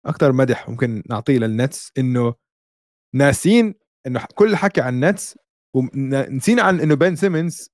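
A man's voice: mid-range voice, expressive, a little fast, a little mellow, no echo, studio quality. A man with a Levantine Arabic accent hosting a casual basketball podcast, mixing English sports terms into his speech.

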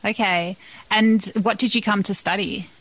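A woman's voice: medium pitch, steady tone, normal speed, a bit bright, poor audio. A woman interviewing a restaurant worker, asking friendly, encouraging questions. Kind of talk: casual interview.

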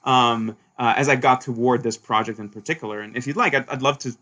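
Bright-voiced animated male historian. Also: mid-range voice, fast talker. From Sweden. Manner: animated, frequent restarts and "right?" tags. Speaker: historian, author guest. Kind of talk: conversational interview answers.

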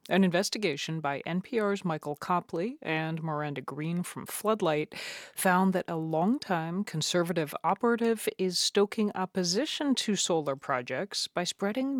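A woman's voice: lowish voice, no echo, studio quality. An American woman reading a scripted introduction as a radio news host.

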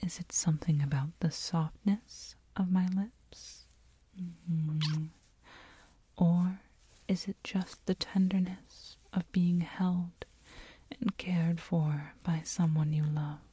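A woman playing a doting, teasing girlfriend in a whispered role-play, speaking slowly and tenderly, right in the listener's ear. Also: lowish voice, steady tone, warm tone, breathy edge, dry recording, exaggerated voice. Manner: slow, tender, coaxing. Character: doting, teasing, nurturing girlfriend soothing her partner. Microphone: very close binaural microphone.

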